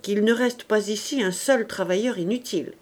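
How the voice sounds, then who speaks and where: A woman's voice: mid-range voice, moderate pace, a little mellow, natural voice. A woman reading the part of a young male rebel leader, stern and cold, giving clipped orders. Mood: commanding.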